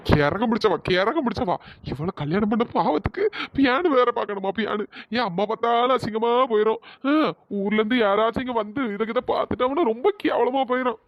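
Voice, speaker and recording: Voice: mid-range voice, a little fast, few pauses, lo-fi sound, lightly acted. A performer voicing a timid, stammering, henpecked husband in a cartoon. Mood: fretful pleading. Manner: stammering, pleading. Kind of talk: cartoon voice acting.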